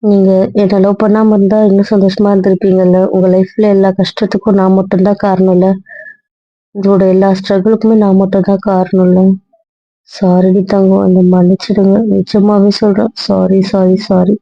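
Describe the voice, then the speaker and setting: A woman's voice: medium pitch, little pitch movement, moderate pace, warm tone, dry recording, close to an everyday voice. A young woman playing an anxious, guilt-ridden young wife who pleads and apologizes over and over, in a Tamil audio drama role-play. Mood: apologetic. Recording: dull lo-fi recording, dry.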